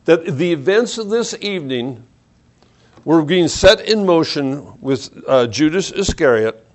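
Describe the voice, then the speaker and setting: A man with a somewhat high voice preaches a sermon. He reads scripture aloud and then reflects on it in his own words. His pace and loudness shift often, and he drops his voice low on the key points. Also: expressive, a little slow.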